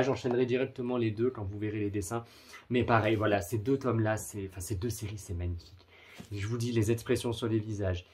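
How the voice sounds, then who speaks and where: A man's voice: medium pitch, breathy edge. A man giving a casual video review of manga, gushing with superlatives and adding apologetic asides.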